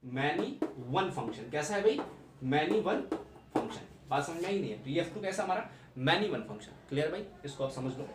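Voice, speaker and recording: Speaking briskly on the high side with big swings in pitch, a young man gives a classroom-style maths lecture, restating key ideas and asking rhetorical questions to check comprehension. Echo, background noise and a distant mic mark the recording.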